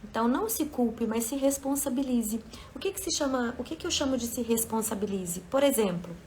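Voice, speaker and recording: A woman's voice: a little high, lively intonation, brisk, a little mellow, a little hiss or hum. A woman giving a motivational self-help talk as a coach, speaking conversationally and often checking in with her listeners.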